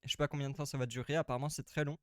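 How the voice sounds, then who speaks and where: In a clean, dry studio recording, a man with a flat, mid-range voice races through casual live let's-play commentary. A bit tired, he rambles chattily and repeats himself over faint game music.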